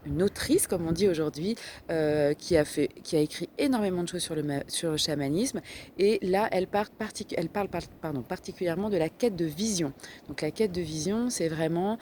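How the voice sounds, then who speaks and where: Femme française à la voix grave et sombre, hésitante. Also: female voice, on the low side, fairly quick, darkish tone, slight background noise. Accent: French. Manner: hesitant, many fillers and self-corrections. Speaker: holistic therapist. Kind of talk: casual recommendation vlog.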